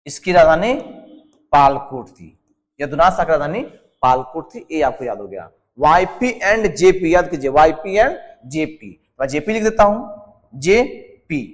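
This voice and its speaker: A man's voice: fairly high pitch, in a large hall. Hindi-accented male tutor drilling mnemonics. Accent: Jharkhand Hindi. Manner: drills answers as questions, repeats each term; constantly adds a respectful "sir" to the students. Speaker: exam coaching teacher. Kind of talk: whiteboard lesson with a mnemonic.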